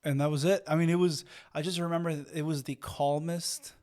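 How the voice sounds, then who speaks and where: A man in his thirties from Mexico co-hosts a podcast, telling a long personal story in a casual chat full of fillers and restarts. His voice is fairly high, steady, a little mellow and a little fast.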